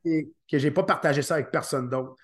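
Speaking with a Québécois French accent and a voice on the high side, this former fighter is being interviewed on a podcast. He talks in a halting manner and frequently says his words twice.

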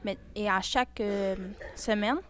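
Hesitant Québécois woman, mid-pitched casual chat. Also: steady tone, unhurried. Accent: Québécois French. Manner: hesitant, searching for words. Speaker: interviewee.

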